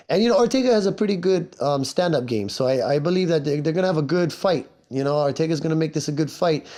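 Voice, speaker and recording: A hoarse man in his forties from Hawaii rambles through a solo podcast. His voice is mellow and dark, and worn rough from a cough. He is chatty and pokes fun at himself as he goes. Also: on the high side. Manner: rambling and chatty, self-mocking. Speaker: podcast host. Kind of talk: casual solo podcast chat.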